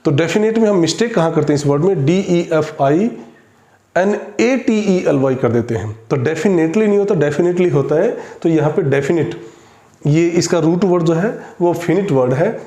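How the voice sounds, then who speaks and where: A man teaching an English spelling lesson, spelling words out slowly letter by letter. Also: on the high side, dark tone. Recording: echoey room.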